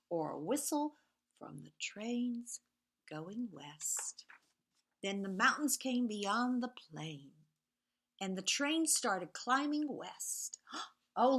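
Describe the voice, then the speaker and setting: Her fairly high voice carries an animated, sing-song rhythm as she reads picture books to young children. She sometimes hushes to whisper repeated sound words and pauses to point things out.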